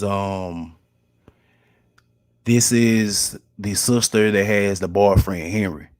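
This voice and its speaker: A man comments on news clips in a relaxed, unscripted way. His voice is a bit low, and he stops often with fillers while he gathers his thoughts. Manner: hesitant, many fillers. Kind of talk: casual commentary.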